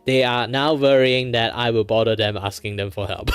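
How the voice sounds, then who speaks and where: A man hosting a livestream, chatting casually in a rambling, animated way. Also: medium pitch, normal speed, smooth, no echo, soft background music. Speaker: livestream host.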